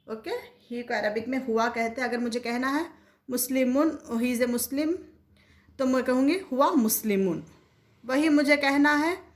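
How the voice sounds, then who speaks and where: A woman teaching a Quran Arabic lesson in casual spoken style, mixing English phrases into Hindi and asking questions she then answers herself. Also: on the high side.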